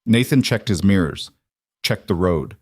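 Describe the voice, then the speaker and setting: A man reading a scripted story in a calm, measured, soft-spoken way. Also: low voice, slightly rough, no room sound, clean studio sound.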